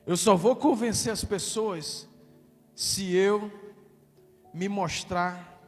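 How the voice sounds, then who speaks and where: High-pitched loud Brazilian preacher man. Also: extremely slow. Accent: Brazilian Portuguese. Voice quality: naturally loud voice. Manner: loud, emphatic preaching, calls out to the congregation. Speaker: pastor. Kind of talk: sermon with declared prayer. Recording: reverberant hall with faint music.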